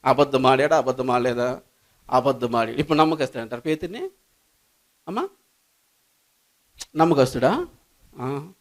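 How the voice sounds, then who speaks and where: A man preaching a sermon as pastor, calling out to the congregation to give praise and building to shouted refrains. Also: mid-range voice, lively intonation, moderate pace, long pauses.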